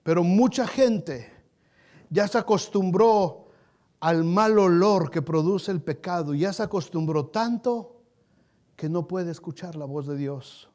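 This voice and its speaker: A male pastor preaching a sermon with passion, dropping to hushed tones and then rising loud, and often calling his listeners brothers. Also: high-pitched, slow.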